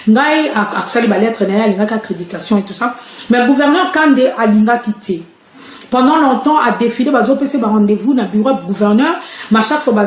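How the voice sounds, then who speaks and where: A woman's voice: medium pitch, darkish tone, roomy sound. A woman, chatting and explaining hesitantly on a live stream from home. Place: at home, indoors.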